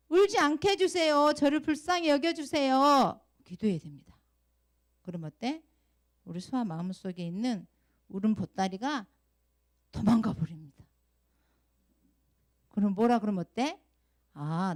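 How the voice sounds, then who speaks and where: Woman preaching lively to children. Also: medium pitch. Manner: lively and questioning, often asks the children questions; acts out crying sounds for the children. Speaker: Sunday school teacher preaching to children. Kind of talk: children's sermon.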